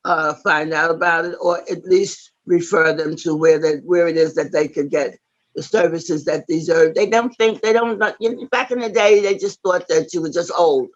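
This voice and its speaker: A woman in her eighties giving an earnest acceptance speech over a video call, halting often with fillers and restarts. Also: lowish voice, dull audio. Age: 80s. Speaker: award honoree.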